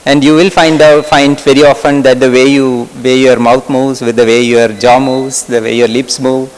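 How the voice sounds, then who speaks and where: A man's voice: medium pitch, level tone, normal speed. A middle-aged man from Kerala with a Malayali English accent, giving a conversational workshop lecture and putting questions to his audience. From Kerala, India. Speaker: medical lecturer. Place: lecture hall. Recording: lecture hall reverb.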